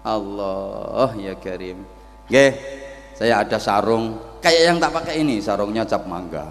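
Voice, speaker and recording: Brief: Javanese-accented preacher, unhurried jokey sermon delivery, long reverb over a PA. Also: male voice, on the low side, animated, vocal fry, slight background noise. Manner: theatrical, joking, switches into Javanese. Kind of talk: humorous sermon. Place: outdoor religious gathering.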